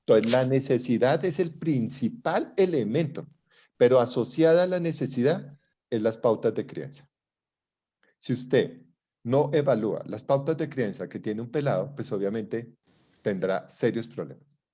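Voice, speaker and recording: A man's voice: mid-range voice, animated, measured pace, dark tone, breathy edge, muffled recording. A middle-aged man with a Colombian accent lecturing a psychology class online in a conversational way, often checking that his students follow.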